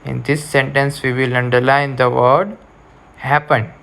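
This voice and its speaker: A man's voice: medium pitch, level tone, measured pace, vocal fry, fairly bright tone. A male teacher giving a reading lesson, dictating words to underline and repeating each instruction. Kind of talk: slow classroom reading lesson.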